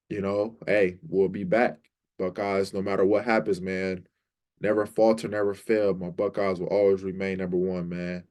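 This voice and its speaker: A man hosting a sports fan vlog, talking in a rambling, excitable way and often saying "man" and "like". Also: fairly low pitch. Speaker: sports fan channel host. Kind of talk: casual fan commentary vlog.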